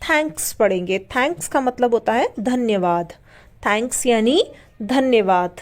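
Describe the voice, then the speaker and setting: A woman's voice: a little high, animated, a little hiss or hum. A woman teaching an English lesson for beginners. She spells words out letter by letter and repeats each one patiently. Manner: spells out letters slowly before reading a word.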